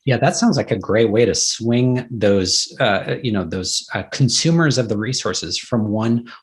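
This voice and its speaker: A man's voice: lowish voice, expressive, a little slow. A man interviewing a guest, asking questions and affirming the answers with some hesitant restarts.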